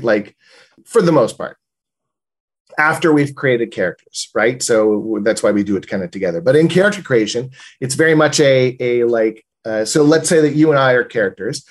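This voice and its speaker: Man chatting casually about tabletop gaming. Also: mid-range voice. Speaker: podcast co-host and game master.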